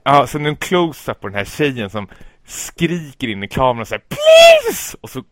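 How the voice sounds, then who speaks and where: A man's voice: medium pitch, lively intonation, fairly bright tone, no room sound, clean studio sound. A man co-hosting a casual chat podcast, talking enthusiastically and swearing casually. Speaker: podcast co-host. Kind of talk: casual chat about film trailers.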